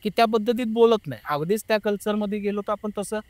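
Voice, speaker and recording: A young man with a fairly high voice tells a tense personal story in an earnest, emotional way. He acts out the words of the people around him. The sound is dry and close, with no room echo. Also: quick pace, a little mellow. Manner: earnest, emotional, re-enacts family members' words. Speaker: guest telling a personal story. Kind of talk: casual interview storytelling.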